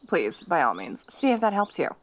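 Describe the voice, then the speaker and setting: Woman playing a jealous, animated yandere fox girl. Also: on the low side, normal speed, slight background noise. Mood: taunting. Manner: jealous, taunting, gleefully threatening. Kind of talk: audio role-play acting.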